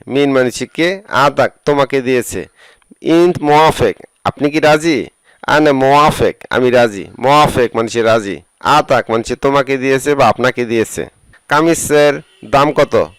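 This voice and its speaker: Slow, deliberate male language teacher. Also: mid-range voice, dry recording. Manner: slow, deliberate, repeats each phrase with its translation. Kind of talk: slow phrase-by-phrase vocabulary lesson.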